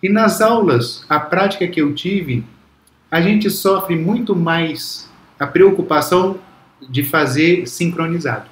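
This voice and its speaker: Man, fairly high voice, chatty storyteller with restarts; echoey room. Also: slow pace. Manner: reflective, storytelling, frequent restarts. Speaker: guest. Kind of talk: casual conversation.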